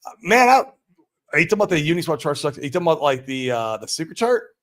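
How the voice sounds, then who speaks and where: Fast-talking and very animated, an American man with a fairly high voice hosts a livestream. He keeps things casual, answering viewer comments live in a slangy, exclamatory style.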